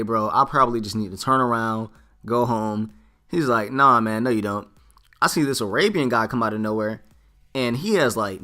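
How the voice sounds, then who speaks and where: A young man in his late teens or early twenties, a vlogger telling a story casually and acting out what people said. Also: medium pitch. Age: young adult. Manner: animated, quoting himself and others in dialogue.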